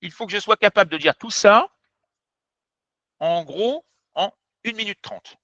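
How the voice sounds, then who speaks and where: Guy teaching a lesson, direct and emphatic, high lively voice, dry dull sound. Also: measured pace, no room sound. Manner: direct, emphatic, addresses viewers as vous. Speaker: French teacher. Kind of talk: explanatory lesson. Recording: dull, slightly muffled sound.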